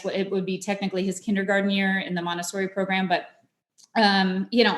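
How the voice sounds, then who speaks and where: A woman's voice: mid-range voice, roomy sound. A woman guest on a podcast, telling her family's story in a casual, chatty way with many fillers. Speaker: podcast guest, mother of dyslexic children.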